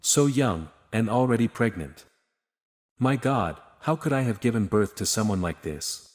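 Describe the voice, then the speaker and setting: A man's voice: on the low side, expressive, a little slow. A man reading the lines of a cold, contemptuous mother in a storybook narration. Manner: disdainful.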